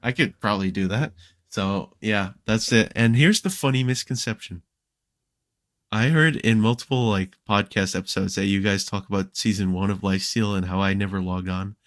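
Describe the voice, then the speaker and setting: A young man with a lowish voice chats casually as a podcast guest, rambling through stories with many fillers and restarts. His voice is recorded close and dry, with no room sound. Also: moderate pace, no room sound. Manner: relaxed storytelling with frequent fillers and restarts. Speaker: podcast guest, Minecraft creator.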